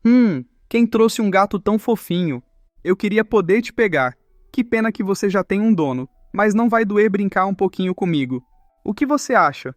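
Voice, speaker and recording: A man's voice: sits high, lively intonation, normal speed, no room sound, clean studio sound, soft background music. A man doing a doting old man cooing. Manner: cooing, playful. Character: elderly man, doting and cat-loving.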